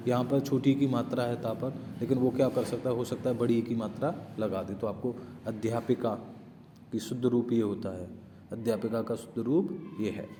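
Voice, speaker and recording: A man's voice: mid-range voice, dark tone, in a large hall, a little hiss or hum. A man teaching an exam-prep spelling lesson, explaining step by step and often asking and answering his own questions.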